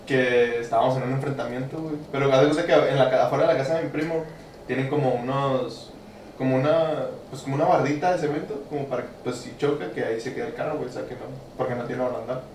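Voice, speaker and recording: A man's voice: medium pitch, fast talker, a little mellow. A man with a Mexican accent, co-hosting a podcast and telling stories in casual, slangy chat. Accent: Mexican Spanish. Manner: slangy, storytelling, swears often. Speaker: podcast co-host. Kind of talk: casual chat among friends. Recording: echoey room, distant mic, faint hiss.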